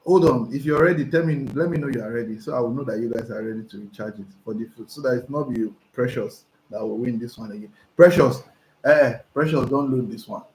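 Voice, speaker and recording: Hoarse from so much talking, a young Nigerian online business coach speaks fast at medium pitch while reading viewers' messages during a live session. He gets excitable, says things twice, and keeps restarting, and his voice carries a roomy echo over faint background noise.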